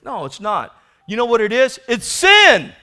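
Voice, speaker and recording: A man's voice: sits high, expressive, normal speed, fairly bright tone. A man with an American accent preaching a fiery sermon in an urgent, admonishing, prophetic manner, pressing listeners with rhetorical questions and calls for amens. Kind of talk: fiery sermon calling for repentance.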